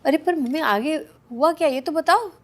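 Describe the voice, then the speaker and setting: An actress playing a curious young adult daughter in a TV sitcom, asking questions in a coaxing, inquisitive way. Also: female voice, high voice, moderate pace. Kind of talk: TV sitcom acting.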